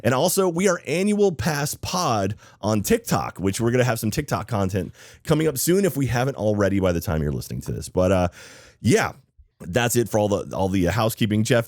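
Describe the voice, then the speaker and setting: A man hosts a casual podcast at a quick clip, on the low side in pitch. He sounds slightly off with illness, yet he chats enthusiastically and leans on emphatic words. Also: a little mellow, dry recording, clean studio sound. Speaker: podcast host. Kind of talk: casual chatty podcast intro.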